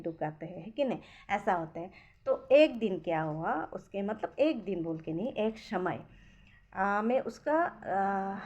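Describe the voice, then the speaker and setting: A woman telling a story slowly, with halting speech, restarts and repeated words. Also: mid-range voice, lo-fi sound. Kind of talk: slow casual storytelling.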